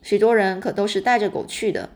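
A woman's voice: medium pitch, steady tone, fairly quick, natural voice. A woman reading aloud and voicing a kindly, teasing old grandfather in a storybook.

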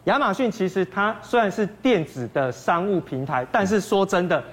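Here a guest analyst with a Taiwanese Mandarin accent delivers financial commentary in a high, expressive voice at normal speed. He explains things one step at a time and answers the questions he poses.

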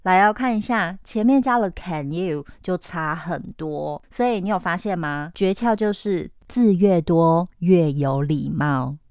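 A woman from Taiwan with a Taiwanese Mandarin accent hosts a podcast English lesson. Her voice is fairly low and smooth, recorded close and dry. She coaxes and drills, slowing down to model each phrase. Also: dry recording. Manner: lively, coaxing teacher who models phrases slowly. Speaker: English teacher.

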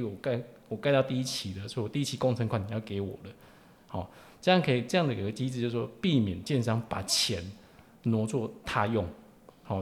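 A man's voice: medium pitch, a little mellow. A man with a Taiwanese Mandarin accent explaining informally as an expert guest, punctuating phrases with particles and tag questions. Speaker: lawyer, podcast guest.

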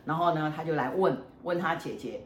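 A woman's voice: deep voice, expressive, a little fast. An older woman, a fortune teller telling a story in a chatty, joking way with many fillers. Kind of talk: casual storytelling. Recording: roomy room with faint noise.

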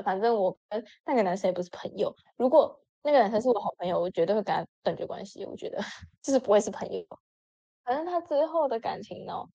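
A woman telling a story in a casual chat with lots of expression, jumping up in pitch when she voices her friends. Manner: animated, acts out friends' lines with sudden pitch jumps. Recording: dull lo-fi audio.

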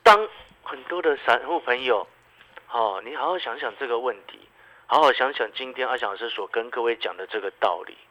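A man with a Taiwanese Mandarin accent giving radio stock market commentary, animated and full of rhetorical questions to the listener. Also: medium pitch, a little fast, highs cut off.

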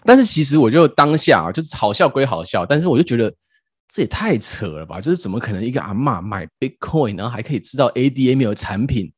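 Casual podcast host, man, lively storyteller, dry close sound. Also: mid-range voice, quick pace, breathy edge, no room sound. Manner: animated, laughing, acts out quotes.

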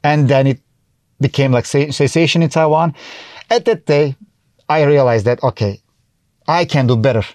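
A middle-aged Turkish TV host and comedian, speaking with a Turkish accent, chats as a guest in a casual interview. He tells stories chattily, restarting often and acting out things he once said. His mid-range, darkish voice moves at a normal speed with long pauses, captured in studio quality with no room sound.

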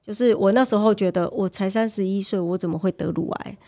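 A woman's voice: mid-range voice, brisk, mellow. A woman in her thirties with a Taiwanese Mandarin accent, casually telling personal stories as a podcast guest.

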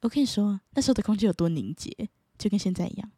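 Animated Taiwanese woman telling stories. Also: medium pitch, very fast, husky, dry recording, clean studio sound. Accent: Taiwanese Mandarin. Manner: animated, playful, laughs often. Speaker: vlogger. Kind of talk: casual storytelling.

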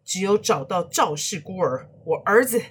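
A woman reading a resolute young man in a storybook, earnest and pleading, lively lilt. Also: on the low side, moderate pace, husky. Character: young male retainer, torn and resolute.

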